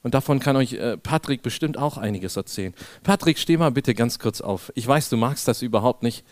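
A young male preacher tells stories from his own life during a sermon, acting out each exchange with animated energy. He turns to speak straight to the people in the pews. His voice sits at an ordinary pitch, and the recording is close and dry. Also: fairly quick, no echo. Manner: animated storytelling, acts out dialogue, addresses congregation directly. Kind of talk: lively sermon with personal stories. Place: church hall.

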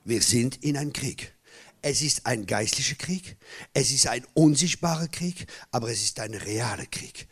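A middle-aged man preaching a sermon as a pastor, hammering home repeated phrases and swinging between loud bursts and low, hushed asides. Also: normal speed, husky. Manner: repeats key phrases for emphasis.

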